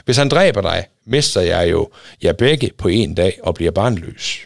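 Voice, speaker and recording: A man's voice: low voice, expressive, creaky, no room sound, clean studio sound, voice pushed down. A man reading aloud, voicing the worried mother Rebekah with an urgent warning tone.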